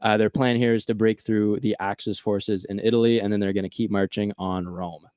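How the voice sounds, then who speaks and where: A man hosting a podcast, telling a story in casual chat, animated and full of "uh" and "like". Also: fairly low pitch, brisk, smooth, dry recording, studio quality. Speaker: podcast host.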